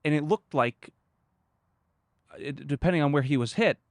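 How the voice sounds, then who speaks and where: A man with a mid-pitched, gravelly voice hosts a conversational interview. He talks in short, emphatic phrases and pointed questions, captured in a dry, close sound. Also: normal speed, no echo.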